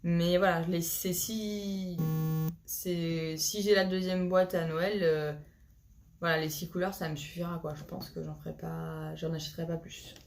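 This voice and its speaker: A woman talks casually to her viewers in a somewhat low voice. She is chatty and hesitant, often pausing on fillers and restarting her sentences. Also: flat delivery, creaky, soft background music. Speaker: vlogger showing a haul of coloring supplies. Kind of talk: casual chat to camera.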